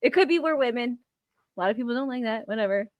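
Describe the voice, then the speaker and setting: A woman co-hosting a casual podcast, giggly and informal, with vocal fry and frequent use of "like". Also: on the high side, expressive, fast talker, dry recording, muffled recording. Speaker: podcast co-host.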